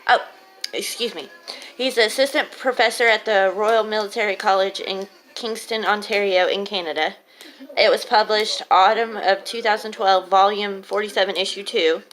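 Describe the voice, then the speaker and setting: A woman with a swollen lip giving an informal student presentation on an article, speaking hesitantly and haltingly, with slightly off articulation. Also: medium pitch, fairly even intonation, a bit bright, soft background music, low-quality recording. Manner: hesitant, halting delivery with long pauses.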